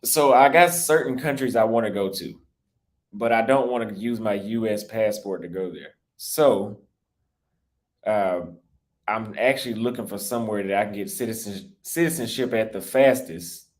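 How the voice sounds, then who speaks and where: With a fairly low pitch and moderate pace, a young American travel YouTuber chats on a livestream while going through super chats. His voice is slightly cracked as he rambles at length, restarts, and gets defensive in a casual way.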